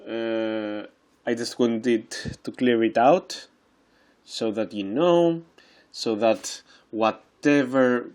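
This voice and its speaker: A young man from Greece in his twenties hosts a solo podcast in an unhurried, drawn-out way. He keeps stopping on fillers and starting his sentences over. His voice sits at an ordinary middle pitch. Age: 20s. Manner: slow, hesitant, many fillers and restarts. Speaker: podcast host. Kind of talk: casual solo podcast monologue.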